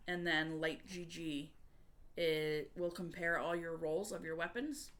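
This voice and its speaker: A woman's voice: low-pitched, steady tone, unhurried, fairly bright tone. A woman game streamer chatting casually with viewers and explaining things in a conversational way. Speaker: variety gamer and streamer.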